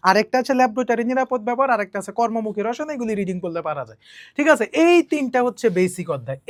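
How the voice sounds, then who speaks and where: Woman chemistry tutor, Bangladeshi Bengali accent, fairly high voice, dry recording, repetitive, keeps checking in with students. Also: dry recording. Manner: speaks slowly and deliberately. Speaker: chemistry teacher. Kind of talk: online exam-prep lesson.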